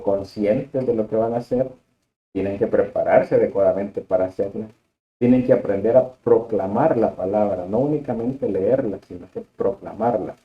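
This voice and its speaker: A man giving a religious lesson on the liturgy, explaining at a measured pace and repeating key points to stress them. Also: mid-range voice. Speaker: catechist teaching on the liturgy. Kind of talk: religious teaching talk. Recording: dull, roomy lo-fi audio.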